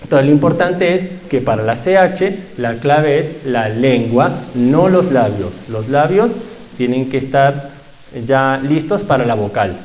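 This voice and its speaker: A man leading a pronunciation workshop, patiently explaining sounds and repeating them slowly for his class. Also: mid-range voice, lively intonation, a little mellow, poor audio. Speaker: language teacher.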